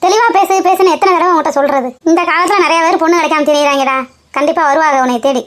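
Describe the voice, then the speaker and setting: A woman's voice: high-pitched, fast talker, fairly bright tone. A woman voicing a bossy, chatty middle-aged wife in a cartoon comedy, scolding and lecturing.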